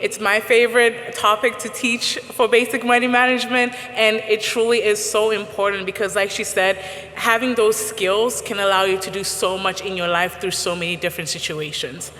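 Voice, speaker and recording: A woman's voice: mid-range voice, fairly even intonation, moderate pace, a bit bright. A woman moderating a live panel, encouraging speakers and asking formal questions. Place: event stage. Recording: echoey hall reverb.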